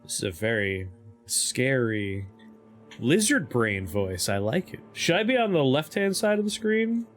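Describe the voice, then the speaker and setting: A man's voice: medium pitch, sing-song, a little slow. A man livestreaming a game, chatting casually and reading options aloud as he plays. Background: faint game music.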